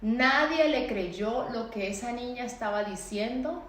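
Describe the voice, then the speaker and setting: A woman giving an emotional personal testimony, repeating phrases and pleading in a low, shaken voice. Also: a little slow, a bit bright, a little hiss or hum. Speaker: survivor telling her story. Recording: echoey room.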